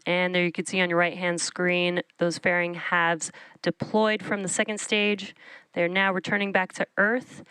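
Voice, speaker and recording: A woman's voice: lowish voice, little pitch movement, normal speed, bright, forceful tone, clear, resonant tone, no room sound, rough recording. A woman hosting live launch commentary, presenting and explaining each step. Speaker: launch webcast host.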